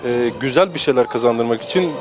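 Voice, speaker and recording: A man's voice: mid-range voice, fast. A man in an event interview, often searching for his words.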